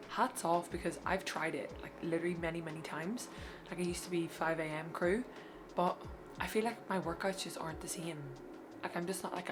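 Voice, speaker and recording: A woman chatting informally and slangily as a fitness vlogger in a casual video. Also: fairly low pitch. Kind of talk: casual vlog chat.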